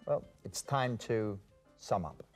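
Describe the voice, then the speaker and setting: A man presenting an English-teaching TV program, delivering scripted lines in a relaxed, friendly way. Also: lowish voice, slow, faint music behind.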